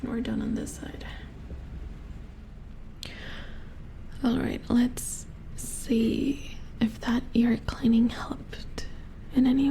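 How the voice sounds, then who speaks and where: In a soft-spoken ASMR roleplay, a woman plays a robot repair engineer who is attentive and a little worried, murmuring hesitantly in a breathy whisper while she works. Her voice is high, the performance heavily acted, and the recording rough. The mood is calm and instructive.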